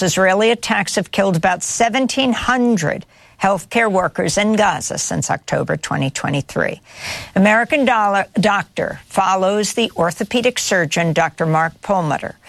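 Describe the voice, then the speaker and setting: A woman hosting a news program, introducing a film and guests in a measured, formal way. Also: medium pitch, creaky, no room sound. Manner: measured, formal delivery with occasional fillers. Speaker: news host. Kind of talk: broadcast news presenting.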